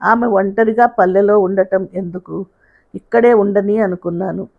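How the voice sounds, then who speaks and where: A defiant young wife talks back to her in-laws without softening a word, as a woman reading a story puts her on. The voice sits at a medium pitch. The sound is muffled and lo-fi. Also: steady tone, normal speed, close to an everyday voice. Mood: firm. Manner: blunt, cutting. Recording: dull lo-fi sound.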